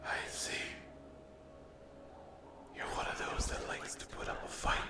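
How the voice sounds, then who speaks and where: In a breathy ASMR roleplay, a man plays a cruel, mocking sleep paralysis demon, taunting and condescending through drawn-out phrases in a contemptuous mood. He speaks in a breathy whisper close to an everyday voice, and the recording has a roomy echo.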